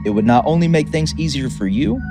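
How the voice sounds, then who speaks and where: A man's voice: on the high side, lively intonation, brisk. A man voicing a grandiose, mercurial chaos god and toymaker, theatrical and boastful, turning chatty and wry. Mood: wry, confiding. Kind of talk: dramatic reading. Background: music.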